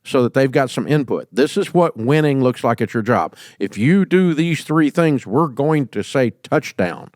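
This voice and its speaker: A middle-aged man hosting an advice show, talking emphatically and folksily and jumping into loud acted quotes. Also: mid-range voice, lively intonation, moderate pace, hardly any pauses, dry recording, studio quality. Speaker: host giving leadership advice. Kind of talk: call-in advice talk.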